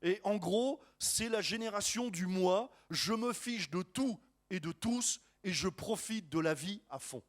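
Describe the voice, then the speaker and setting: A man preaching a sermon as a pastor, lively and joking, with many restarts and asides to the congregation. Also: sits high, measured pace.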